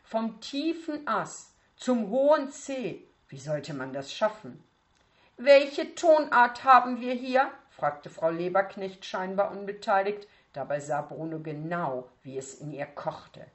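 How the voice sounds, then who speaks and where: A woman reading a story aloud, acting out the dialogue with expression. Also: fairly low pitch. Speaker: reader. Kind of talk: audiobook narration.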